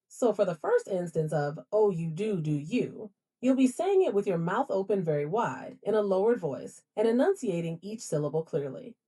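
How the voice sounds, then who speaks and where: A woman's voice: medium pitch, sing-song, normal speed, hardly any pauses, warm tone, slightly rough. A woman's voice as a smart home assistant, answering politely and accommodatingly. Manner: polite, accommodating, formal address. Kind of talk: assistant replies.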